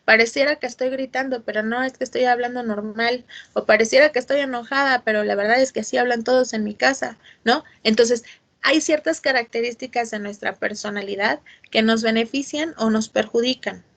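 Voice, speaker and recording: A woman teaching an online class, expressive and checking in often with her students. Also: on the high side, a little fast, creaky. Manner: expressive, asks for checks with "¿sí?" and "ujú".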